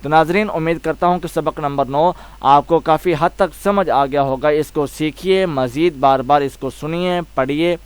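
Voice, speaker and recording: A man teaching a tajweed lesson, slowly sounding out letters one by one and explaining each with patient repetition. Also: fairly high pitch, clean tone, dry recording. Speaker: Quran recitation teacher.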